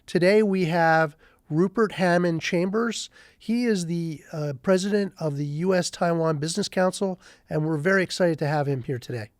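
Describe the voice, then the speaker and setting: A man's voice: fairly high pitch, normal speed, dry recording. A man hosting a podcast, welcoming a guest and asking eager questions. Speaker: podcast host. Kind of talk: conversational podcast interview.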